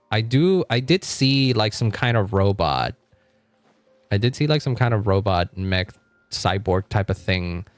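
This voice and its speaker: A deep-voiced man live streams a casual gaming chat, rambling and thinking aloud as he talks with viewers and often chuckling. There is no room sound.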